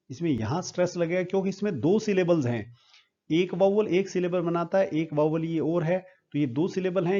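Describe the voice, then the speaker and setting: A man's voice: on the high side, dark tone, lo-fi sound. A man teaching English phonetic symbols, spelling each word out sound by sound. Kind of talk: phonetics lesson at a board.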